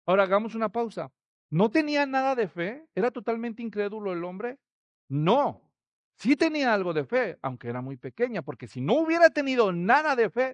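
Man preaching, high voice. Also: no room sound, dull audio. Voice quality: expressive, rising to loud emphatic quotes. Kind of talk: sermon.

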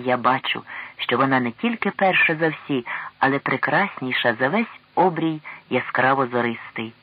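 A man's voice: on the high side, no echo, highs cut off, natural voice. A man voicing a courteous foreign knight in an audiobook, speaking in an ornate, ceremonious way.

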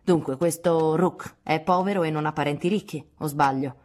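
A woman's voice: sits low, moderate pace, a little mellow. A woman voicing a domineering, scornful old aunt who lectures and scolds in an audiobook. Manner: imperious, scolding, sarcastic. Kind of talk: audiobook dialogue reading.

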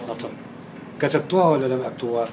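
A man's voice: medium pitch, fast, darkish tone, a little hiss or hum. A man with an Egyptian Arabic accent lecturing on grammar in a classroom, quizzing his students and repeating key words for emphasis.

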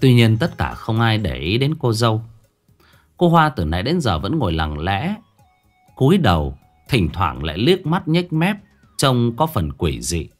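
A man's voice: on the low side, huge pitch swings, measured pace, soft background music. A man narrating a ghost story in a colloquial, vivid way, with crude asides.

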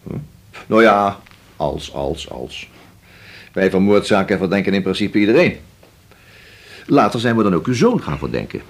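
An actor playing a shrewd police inspector who questions slowly and keeps humming to himself. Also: male voice, sits low, very animated, gravelly, heavily acted. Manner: slow, probing, drawn-out with many hums. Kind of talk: radio drama acting.

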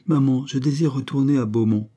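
A man voicing a gentle but resolute young country girl in an audiobook, speaking softly and pleading, then firmly. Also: mid-range voice, brisk, pitched above the performer's own voice, close to an everyday voice. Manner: soft, pleading, then firm. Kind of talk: audiobook character reading.

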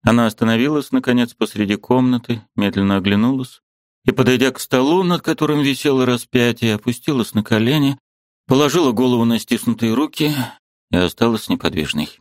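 A man reading a classic novel aloud as an audiobook narrator, measured and unhurried. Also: medium pitch, dry recording, clean studio sound. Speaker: audiobook reader.

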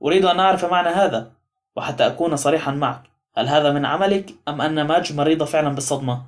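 A man's voice: a little high, racing, close to an everyday voice. A man reading the part of an indignant young sailor in an audiobook, speaking bluntly and angrily. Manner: angry, blunt.

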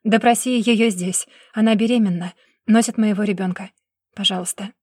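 A woman voicing a protective young husband who speaks steadily and urges calm. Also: mid-range voice, normal speed, slightly rough, no room sound, studio quality, lightly acted. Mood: firm.

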